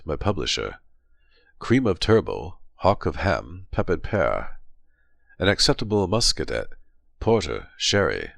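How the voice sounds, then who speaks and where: A man's voice: extremely low pitch, creaky, pushed and bright, no room sound, clean studio sound. A man narrating an audiobook as a pompous, self-satisfied diarist. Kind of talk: dramatic diary narration. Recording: music bed behind.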